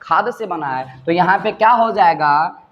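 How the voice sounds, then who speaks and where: A man's voice: high voice, unhurried, muffled recording. A man, teaching a Sanskrit translation lesson. He asks each point as a question and then answers it himself.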